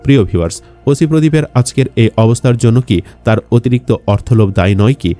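A man's voice: mid-range voice, brisk, dark tone, faint music behind. A man reading scripted news narration for an online channel.

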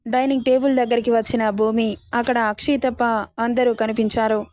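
A woman narrating an episode of a romance serial story in a steady, expressive reading voice. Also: fairly high pitch, a little fast, no room sound.

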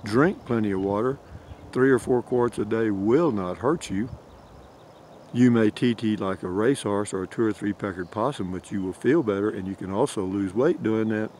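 An older camping vlogger with a drawl talks in a lowish, slightly mellow voice at a normal pace, rambling in a folksy way and chuckling often. He's outdoors in a pine forest, holding his phone at arm's length, and there's a little hiss or hum on the audio.

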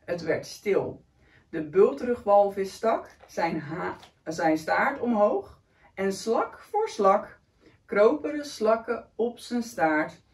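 A woman storyteller reading a rhyming picture book aloud to children, in a slow sing-song delivery. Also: medium pitch, sing-song, a little mellow. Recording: echoey room, from a distance.

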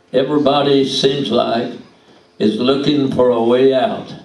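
Older male pastor, slow and measured, heard from afar in an echoey sanctuary. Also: medium pitch, a little mellow. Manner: measured preaching with repeated amens and hallelujahs. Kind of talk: sermon. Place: small church sanctuary at pulpit. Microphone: handheld mic. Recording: echoey church heard from a distance.

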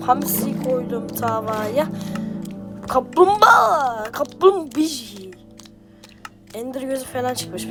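A high-voiced woman comments on her gameplay in quick, playful bursts, teasing opponents and exclaiming at every surprise. Game music plays clearly under her voice. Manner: playful, excitable, trash-talking. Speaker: gaming streamer.

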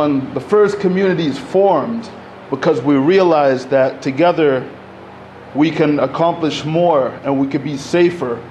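A man in his thirties gives an unscripted talk into a podium microphone in a community center. His voice sits a little high for a man, and his speech is loose and conversational, full of fillers and restarts. Faint hiss and room noise hang under his voice. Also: darkish tone. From Egypt. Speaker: panel speaker. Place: community center hall, indoors.

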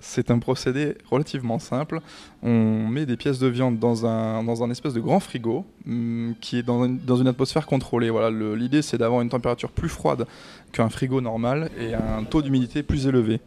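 In a small restaurant, a man from France in his thirties, who manages the place, is interviewed on camera holding a handheld reporter mic. His mid-range, mellow voice keeps a steady tone at normal speed, though he hesitates, restarting and using lots of fillers.

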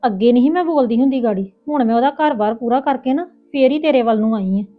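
Woman acting outspoken big sister, punjabi accent, rapid talk, highish voice, tinny phone-like sound, faint music. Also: close to an everyday voice. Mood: indignant. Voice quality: fast, outspoken, indignant. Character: indignant elder sister, outspoken and quick. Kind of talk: village family drama acting.

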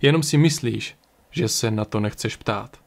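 A man voicing a calm, stern, mysterious card reader who speaks gravely and evenly. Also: medium pitch, natural voice.

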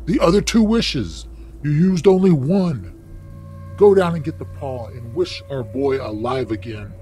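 A man voicing a frantic, grieving old mother in a read-aloud story, shrill and pleading. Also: sing-song, measured pace, soft background music.

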